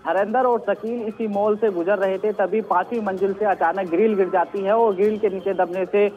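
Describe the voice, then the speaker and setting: A man's voice: high-pitched, fairly even intonation, moderate pace, soft background music. A male field reporter giving an earnest live news report from outdoors at a scene, repeating the key questions. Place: outdoors at a mall. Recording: tinny phone-line audio.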